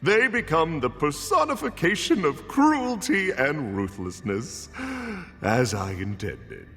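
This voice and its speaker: A male voice, on the high side and sing-song, plays Satan, the smug, pompous ruler of hell, a theatrical tyrant acting as villain and orientation guide narrator. He speaks slowly in a fairly bright, full character voice, swooping, formal, imperious and menacing. The scripted narration has long reverb and music behind it.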